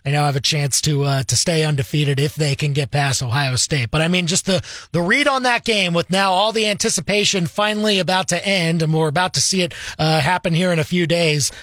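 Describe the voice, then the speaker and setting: A man's voice: a little high, fairly even intonation, fairly quick, few pauses, a bit bright, no echo. A man hosting a radio show, friendly and conversational, with many fillers. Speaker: radio host. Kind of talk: casual radio interview.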